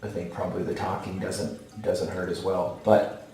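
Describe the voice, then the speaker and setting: Male vlogger, forties, mellow and fairly flat, casual halting monologue. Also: low-pitched. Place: small tiled bathroom, sitting in a bathtub. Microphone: camera or phone a short distance away. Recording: very echoey tiled bathroom.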